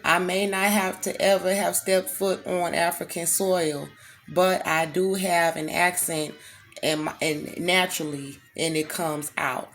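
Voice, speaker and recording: A woman's voice: fairly low pitch, steady tone, a little slow, fairly bright tone. A woman from the United States, speaking in an angry, emphatic, defensive monologue to the camera, her throat sounding strained. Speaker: vlogger.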